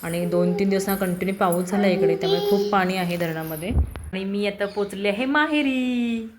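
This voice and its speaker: A woman from the films herself on a handheld phone while walking around a farmhouse outdoors. She keeps up a chatty vlog, talking to the camera and to her little son, at a middle pitch. Clear background noise runs under her voice all the way through. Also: normal speed. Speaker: vlogger. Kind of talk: casual family vlog narration. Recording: noisy outdoor phone recording.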